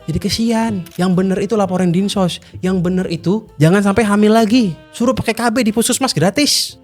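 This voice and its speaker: A man hosting a casual commentary, blunt and mocking in manner. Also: high voice. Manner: blunt, mocking, animated slang-heavy talk. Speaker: host. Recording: faint music underneath.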